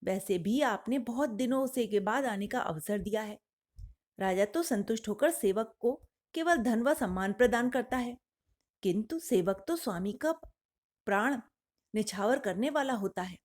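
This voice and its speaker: A woman's voice: on the high side, animated, unhurried, a little mellow. A woman voicing a clever, scheming male jackal courtier who speaks formally and persuasively. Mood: flattering.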